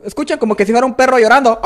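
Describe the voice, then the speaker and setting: A woman teaching beatbox in a casual, playful spoken tutorial, joking and demonstrating vocal sounds. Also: a little high.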